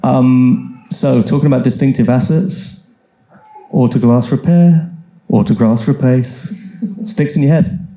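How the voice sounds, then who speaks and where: A man's voice: medium pitch, a little slow, dark tone, poor audio. A man speaking as a panel expert at a live event, enthusiastic and rambling with restarts. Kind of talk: casual panel talk. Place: event venue with live audience.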